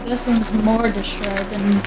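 A woman's voice: mid-range voice, level tone, slow pace. Chatty young woman vlogging outdoors. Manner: chatty, pointing things out while exploring. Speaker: travel vlogger. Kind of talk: casual travel vlog with voice-over narration. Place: outdoors at abandoned seaside houses. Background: music.

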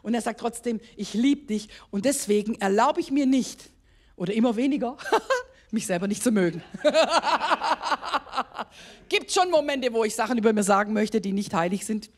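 A woman's voice: fairly high pitch, expressive, normal speed, pauses often. A woman pastor with a German accent preaching a sermon, emphatic and exclaiming, laughing at herself at times.

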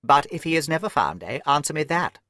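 A man voicing a miserly, irritable little old lord with a sharp, crackling voice and a blustering manner. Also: very animated, a little fast, no echo, clean studio sound. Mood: suspicious. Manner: blustering, shrill when angry.

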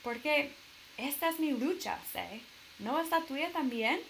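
An earnest, determined young soldier who speaks with urgent conviction, pitched a little above the reader's own voice. A woman puts him on as she reads a storybook to her class. The delivery stays slow and gravelly. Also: animated, a bit bright, a little hiss or hum, full character voice, rough recording.

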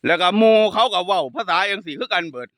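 A Buddhist monk with a Northeastern Thai Isan accent chats and jokes playfully while walking up an outdoor hill path, laughing often and telling teasing stories. His voice is high-pitched, a bit bright, and fast, with lively intonation. The sound is studio quality with no room sound.

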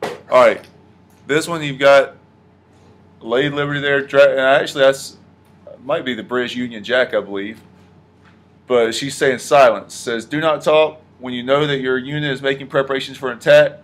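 A man's voice: mid-range voice, steady tone, normal speed. A man teaching history to a class, questioning the students and echoing their answers. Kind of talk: classroom lesson.

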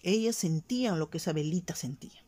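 A woman's voice: on the low side, expressive, brisk, mellow. A woman from Peru with a Peruvian Spanish accent, giving casual commentary as a vlogger, indignant and emphatic, repeating points for stress. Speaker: shopping vlogger. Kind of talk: casual commentary on current events.

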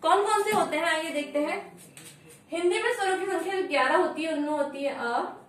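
A woman's voice: very high voice, fairly quick. A woman teaching a grammar lesson, repeating each point and asking questions she answers herself. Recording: echoey room, mic far off, faint noise.

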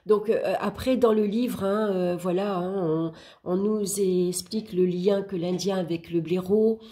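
Halting French-speaking woman, mellow tone. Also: medium pitch, fairly even intonation. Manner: hesitant, halting with frequent fillers and self-corrections; chatty, addresses viewers directly. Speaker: card deck reviewer. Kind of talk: casual video review of an oracle deck.

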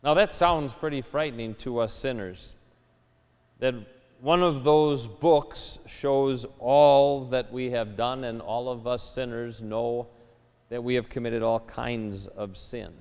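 A man preaching a sermon as a pastor, measured and deliberate, rising in emphasis on key phrases. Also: medium pitch, a little mellow, clean tone. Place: church sanctuary. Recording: dull lo-fi church recording with long reverb.

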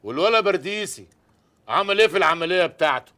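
An actor with an Egyptian accent playing a curt, threatening gangster boss in a comedy series. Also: male voice, sits high, expressive, fast talker, sharp tone. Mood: menacing. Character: menacing male gangster boss, gruff and commanding.

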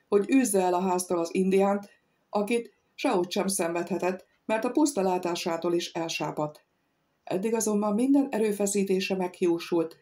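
A woman narrating a classic novel as an audiobook, in an even, clear storytelling manner. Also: medium pitch. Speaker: audiobook reader. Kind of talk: scripted narration.

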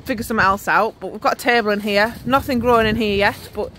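Loud wind and outdoor noise surround a middle-aged vlogger touring her allotment garden with a handheld phone camera. She chats casually and points things out as she walks, talking at a quick pace in a medium-pitched voice with fairly even intonation.

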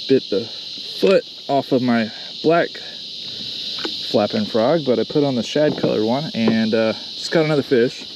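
A man's voice: medium pitch, unhurried. A man with a Southern US accent chatting casually to a phone camera from his kayak on a lake while fishing, rambling and poking fun at himself. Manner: chatty, rambling, self-deprecating. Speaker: kayak bass angler. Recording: outdoor phone recording with loud insect noise. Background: insects and outdoor ambience.

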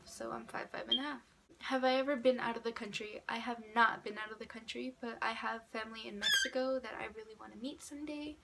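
Her voice is fairly high, creaky, and fairly bright as this eighteen-year-old vlogger chats about herself on camera. Congested from a cold, she comes across as talkative and a little sarcastic. The small indoor room by a door picks up passing cars and a faint hiss or hum.

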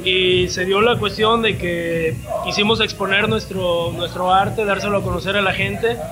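A young man from Guadalajara with a Mexican accent, a bassist answering interview questions in a relaxed, thoughtful way. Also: low-quality recording. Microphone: handheld mic. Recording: music playing behind.

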